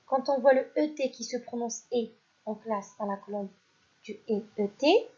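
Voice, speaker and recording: A woman teaching a primary school phonics lesson, who reads each word out loud twice and praises the children. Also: a little high, slightly rough, lo-fi sound. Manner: slow and deliberate, repeats each word and stresses it louder; addresses pupils directly, praising them. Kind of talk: recorded French phonics lesson.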